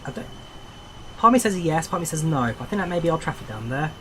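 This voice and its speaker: A man's voice: fairly high pitch, quick pace, rough recording. A man chatting casually and thinking aloud as he commentates on a flight simulator livestream. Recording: steady background noise, engine-like ambience.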